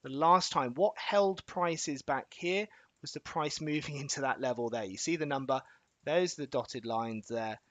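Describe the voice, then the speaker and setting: A man's voice: medium pitch, fairly bright tone, no echo, highs cut off. Chatty man walking through charts, dry sound. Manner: quick, chatty, explains step by step and checks in with viewers; folksy analogies and filler-laden restarts. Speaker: trading educator hosting a live webinar. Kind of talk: live educational chart walkthrough.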